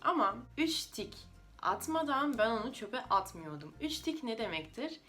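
A woman's voice: fairly high pitch, very animated, moderate pace, a bit bright, soft background music. Russian-accented woman speaking non-native, slightly unidiomatic Turkish. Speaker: language-learning video creator. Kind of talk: informal explanatory talk to viewers.

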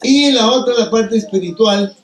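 A man giving a sermon-style Bible reflection, telling the story in an animated way and acting out the voices of the people in it. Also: sits high, moderate pace. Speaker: lay preacher. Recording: roomy hall, distant mic.

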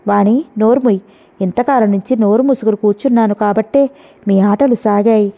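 A woman's voice: medium pitch, fairly quick, warm tone, close to an everyday voice. A woman voicing an angry husband who scolds sternly, read in a storybook. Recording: dull lo-fi audio.

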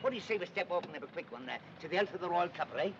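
An actor playing a nervous, cheeky older suitor with a jittery, blustering manner. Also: male voice, high voice, animated, racing. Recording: dull, hissy 1950s film soundtrack.

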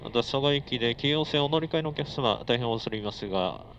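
A man's voice: mid-range voice, expressive, a little fast, a bit bright. Muffled male train conductor announcement. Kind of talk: live onboard train announcement. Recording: muffled train PA, vehicle noise.

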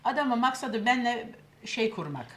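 A woman's voice: on the high side, normal speed. An older woman, casually telling a long anecdote and acting out what others said. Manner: lively storyteller, acts out quoted voices. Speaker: cooking show host telling a story.

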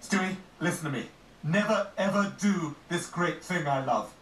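A man voicing a precocious, scheming, insistent baby boy in an animated sitcom. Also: fairly high pitch, moderate pace, natural voice. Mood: urgent. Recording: roomy, hissy cartoon clip replayed.

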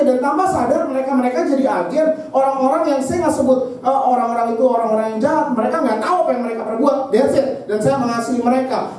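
A man preaching a lively youth sermon, joking and acting out examples with sound effects. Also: very high voice, slight background noise. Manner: playful, jokey, acts out examples with sound effects. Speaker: youth pastor. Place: church hall. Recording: echoey hall from far off.

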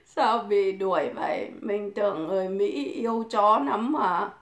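A livestream host with a mid-range, slightly slow voice delivers a mocking rant, crudely taunting and provoking while swearing constantly. The room is echoey.

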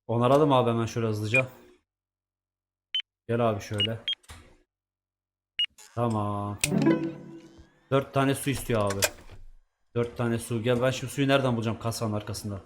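A man's voice: mid-range voice, fairly even intonation, normal speed, long pauses, over loud music. A man giving casual let's-play commentary, chatting to himself and swearing at the game's characters. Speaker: gaming YouTuber.

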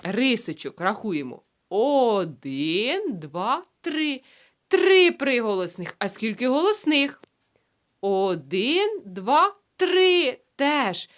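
Slow, lively-voiced woman teaching young children. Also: on the high side. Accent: Ukrainian. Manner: slow, drawn-out syllables, sounding out words. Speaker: preschool teacher. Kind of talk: children's phonics lesson.

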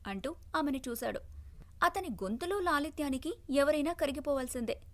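Expressive woman telling a storybook tale. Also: high voice, a little fast. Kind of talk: scripted narration.

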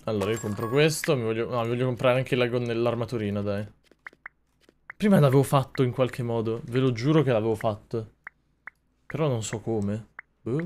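A young man streaming a video game, with a middle-pitched voice. He swears constantly, mocks himself, and breaks into sudden loud yells. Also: moderate pace. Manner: excitable, swears a lot, self-mocking, yells in bursts. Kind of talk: gaming commentary.

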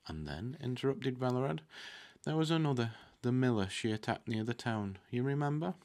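This book reader, a man in his thirties, is animated as he works through a fantasy novel, sometimes stumbling on a word and fixing it. His medium-pitched, darkish voice moves at a moderate pace. He's at a desk in an indoor room with curtains, speaking into a desktop microphone close in front.

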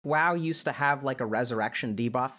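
A man's voice: mid-range voice, a little fast, fairly bright tone. A man streaming and talking casually, coaching a guest with earnest game analogies. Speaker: streamer giving life advice.

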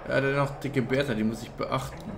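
A man's voice: medium pitch, fairly even intonation, fairly quick, gravelly, background noise. A man giving casual, slangy commentary while playing a strategy game, swearing now and then. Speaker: let's-play streamer. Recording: game music behind the voice.

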